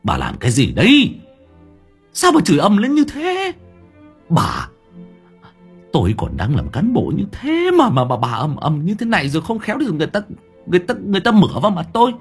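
A man's voice: on the high side, huge pitch swings, a little fast, pauses often, breathy edge, soft background music, voice pushed up, exaggerated voice. A man voicing a flustered middle-aged male village chief who protests in an exasperated, stammering way.

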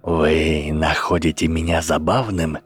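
A man reading a menacing dark lord in a very deep, unhurried voice. The tone stays cold and quietly amused, with a faint bed of music underneath. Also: flat delivery, breathy edge, heavily acted. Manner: slow, low and deliberate.

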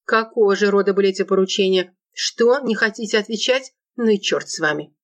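A harsh middle-aged widow who snaps every line with open contempt, as a woman reader puts her on. Curt and cutting, in an audiobook reading with a middle-pitched voice. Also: a little fast, natural voice. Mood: suspicious. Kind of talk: audiobook narration.

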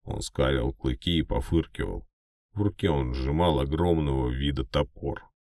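Very deep-voiced male audiobook narrator. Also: normal speed, warm tone, no echo, clean studio sound. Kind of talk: scripted first-person fiction narration.

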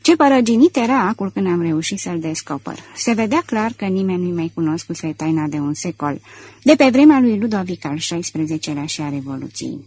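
A woman voicing a proud, ironic gentleman thief in an audiobook. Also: on the low side, lively intonation, husky. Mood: calm. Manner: proud, ironic and self-assured. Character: elegant, boastful gentleman thief, man. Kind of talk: audiobook character reading.

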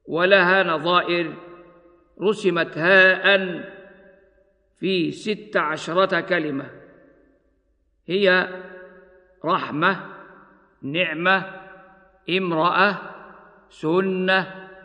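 A man giving a formal lesson on Quran spelling, speaking slowly and deliberately as he lists items one by one, on a muffled radio recording. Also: high-pitched, steady tone, pushed and bright, big-room sound. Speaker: Quran teacher.

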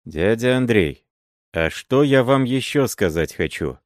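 A vengeful old woman hurls fierce, shrill curses, as a male reader puts her on. The voice sits well above a man's usual register and rings out loud. The recording is dry and close. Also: animated, unhurried, dry recording, natural voice. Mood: accusing.

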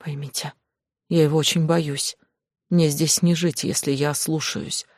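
A man narrating an audiobook, voicing a frightened, beaten young woman who speaks quietly and haltingly, near tears. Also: low voice, flat delivery, no room sound, studio quality. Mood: fearful. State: tearful.

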